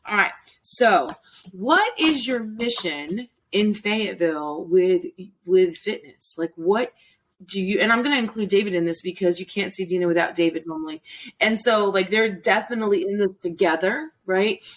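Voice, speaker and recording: A woman's voice: mid-range voice, moderate pace. A middle-aged woman hosting a casual interview, chatty, repeating phrases and laughing easily. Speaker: host.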